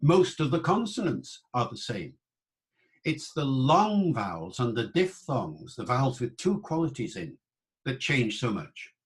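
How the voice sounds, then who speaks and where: Older man lecturing slowly and carefully. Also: mid-range voice, sing-song. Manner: slow, careful, repeats words to demonstrate sounds. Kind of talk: online lecture with readings. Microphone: online talk microphone.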